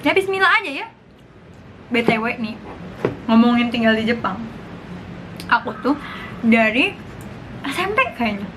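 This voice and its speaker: High-voiced young woman chatting, mouth full. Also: expressive, measured pace, pauses often. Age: 20s. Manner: talks while eating, mouth sometimes full; chatty, informal, slang and English interjections. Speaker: vlogger. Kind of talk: casual mukbang chat to viewers. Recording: clear background noise.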